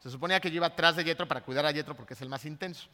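A Mexican-accented man preaches a sermon, spinning a personal story and checking in with his listeners. His voice is bright and pitched fairly high. The sound rings with the long reverb of a large hall. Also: very fast. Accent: Mexican Spanish. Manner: lively storytelling, often checks in with the congregation.

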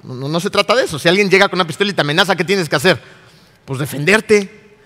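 A man preaches a sermon in a high, bright voice. He talks with animation and keeps asking his listeners rhetorical questions. His voice rings out with a long hall reverb. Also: quick pace.

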